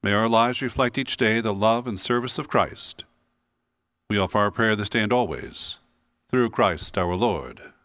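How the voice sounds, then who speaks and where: A priest leads the liturgy in a low, solemn voice whose pitch rises and falls widely as he intones each phrase. His measured, sing-song delivery sits close and dry, with no room echo around it. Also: lively intonation, fairly bright tone. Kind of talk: liturgical prayer at Mass.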